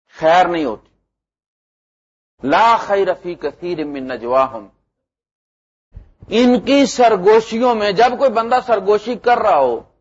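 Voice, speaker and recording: A middle-aged man preaches with a fairly high, husky voice. He is animated, pushing lines out loud and then dropping low. The recording is muffled and lo-fi. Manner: animated, swings between loud emphasis and low asides. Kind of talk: sermon.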